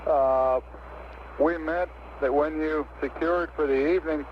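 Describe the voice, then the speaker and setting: A man's voice: a little high, fairly even intonation, measured pace. Male mission control operator, crackly military radio, dull sound with light static, procedural calls. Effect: crackly military-style radio. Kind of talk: procedural radio talk, reading out figures.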